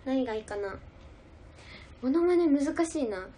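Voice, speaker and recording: A woman's voice: high-pitched, expressive, measured pace, mellow. A young woman idol chatting casually on a livestream, giggling as she reads out and answers viewer comments. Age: young adult.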